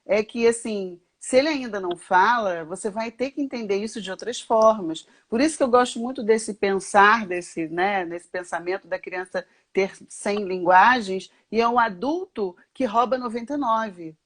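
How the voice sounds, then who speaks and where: A woman with a Brazilian Portuguese accent, a children's speech therapist speaking as a guest in a casual conversation, reflective and halting, with many restarts. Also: mid-range voice.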